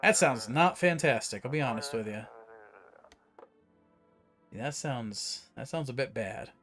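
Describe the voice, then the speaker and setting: A man's voice: medium pitch, expressive, measured pace, fairly bright tone, soft background music. A man streaming a horror game, giving casual commentary with wry asides. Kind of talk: gameplay commentary.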